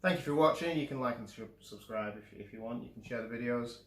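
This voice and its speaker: A man's voice: medium pitch, quick pace. A man hosting a casual movie review chat, talking hesitantly with frequent restarts. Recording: roomy echo.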